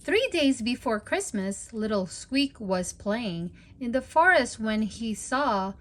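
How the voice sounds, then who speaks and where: Here a woman leads storytime from home, reading a picture book to young children. Her voice is a little high and she takes her time, keeping the delivery animated and sing-song.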